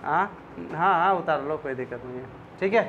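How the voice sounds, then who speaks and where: A man's voice: a little high, normal speed, muffled recording, background noise. A man teaching a maths class, explaining step by step and often quizzing his students.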